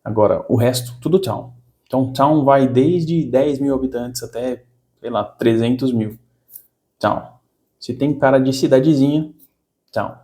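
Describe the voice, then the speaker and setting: A man's voice: mid-range voice, unhurried, warm tone. Brazilian man teaching English casually. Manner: explanatory, repeats words for emphasis. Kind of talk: casual online lesson.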